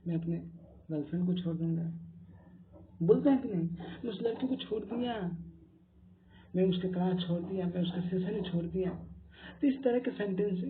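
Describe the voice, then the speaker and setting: Male English tutor, drills words by repetition, phone-like lo-fi sound, light hiss. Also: high voice. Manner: drills each word by repeating it many times. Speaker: spoken English teacher. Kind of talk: Hindi-medium vocabulary lesson. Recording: tinny phone-like lo-fi audio with faint hiss.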